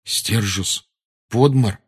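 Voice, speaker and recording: Man reading as an excitable teen boy wizard, jumpy pitch, husky storybook voice. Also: normal speed.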